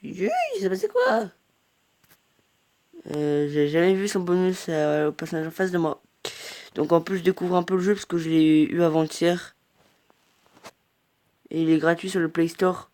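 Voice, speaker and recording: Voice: medium pitch, little pitch movement, normal speed, pauses often, darkish tone. A mobile game player giving casual gameplay commentary, rambling and hesitant, reacting aloud as the game goes on.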